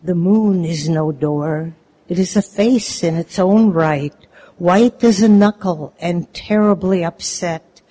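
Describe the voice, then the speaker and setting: A reader delivering a poem in a measured, solemn, deliberate way. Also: medium pitch, mellow. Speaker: poetry reader. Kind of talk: slow solemn poetry reading.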